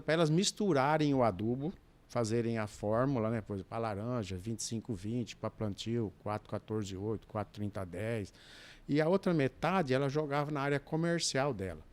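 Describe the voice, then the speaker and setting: A Brazilian businessman and dispatcher in his 60s, appearing as a podcast guest, tells the story of his work history in a relaxed chat. His mid-range voice is a little mellow, and his sentences are loose and rambling, full of restarts and asides.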